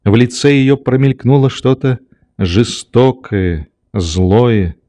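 A man narrating a classic novel as an audiobook in a calm, unhurried reading. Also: mid-range voice.

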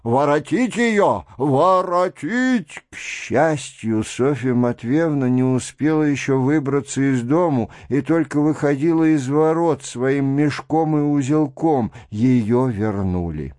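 Slow-reading male narrator. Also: medium pitch, dry recording, clean studio sound. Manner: measured, even literary reading. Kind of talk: scripted audiobook narration.

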